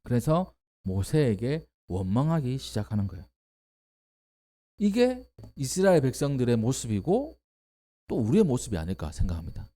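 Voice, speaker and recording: A male pastor delivering a sermon in an expressive, emphatic way, often rising into exclamations. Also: medium pitch, moderate pace.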